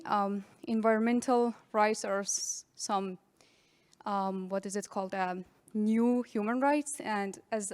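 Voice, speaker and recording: A young woman from Afghanistan, a university student, introducing herself at a forum in a hesitant way, with many pauses and restarts. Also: medium pitch, darkish tone, smooth. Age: young adult. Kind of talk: casual self-introduction.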